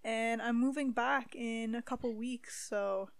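A woman's voice: on the high side, fairly even intonation, a little slow, gravelly, no echo. Bubbly young woman podcast host. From Ontario, Canada. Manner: upbeat, giggly, filler-heavy. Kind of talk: casual podcast chat.

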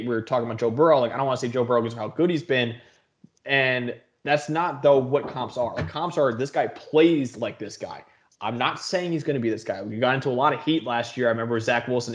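Male host, casual football draft chat, keeps the talk moving. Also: medium pitch. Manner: leads the discussion, asks for takes. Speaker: podcast host.

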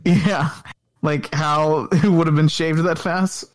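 A man's voice: on the high side, fairly even intonation, takes it slowly, no echo. A man co-hosting a wrestling podcast, mostly agreeing in short replies and earnestly explaining his views. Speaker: podcast co-host. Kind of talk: casual chat.

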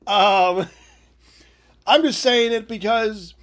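A man hosting his own podcast, talking loudly in a rambling, excitable way, often stopping and restarting his sentences. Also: high voice, extremely slow. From Italian heritage. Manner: loud, rambling, self-interrupting, excitable. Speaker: podcast host. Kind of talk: solo podcast rant.

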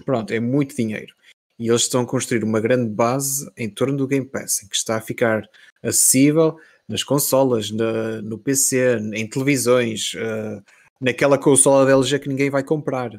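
Guy from portugal, european portuguese accent, average pitch, casual podcast talk. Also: steady tone, moderate pace, a little mellow. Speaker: podcast co-host. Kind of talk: casual chat about the games industry.

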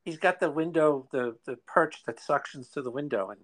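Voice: medium pitch, moderate pace. A podcast host with a Brooklyn accent, talking conversationally and earnestly, repeating phrases for emphasis.

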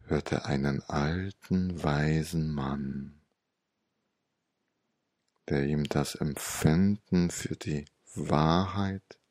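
A man guiding a meditation story in a hypnotic, soothing, old-sage manner with long pauses and a gravelly, breathy voice. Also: a bass voice, a little mellow, no room sound, clean studio sound.

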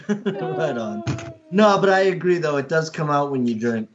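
A man with a Boston accent talks bluntly in a casual group chat, cursing freely. His delivery is unhurried but swings up and down in pitch. The sound is muffled and noisy, with clicks. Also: expressive. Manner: foul-mouthed, blunt.

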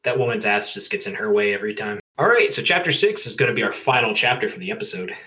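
A man's voice: fairly low pitch, expressive, fast, bright, forceful tone. A young man co-hosting a podcast, reading a fan story aloud with crude jokes and laughter. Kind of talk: casual comedic story reading.

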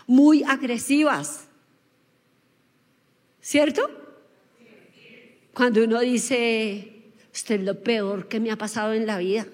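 A woman preaching a sermon, lively and often asking the congregation questions. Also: fairly high pitch. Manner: lively, asks the audience questions. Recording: long hall reverb.

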